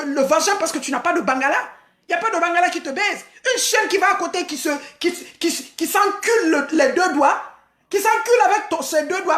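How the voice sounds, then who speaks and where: A woman from Senegal ranting in a live stream, hurling vulgar, mocking insults, repeating herself and often shouting. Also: very high-pitched, roomy sound.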